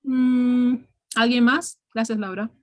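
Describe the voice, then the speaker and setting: A woman's voice: on the high side, steady tone, takes it slowly. A woman teaching an English grammar class, explaining patiently step by step and often checking in with "ok?".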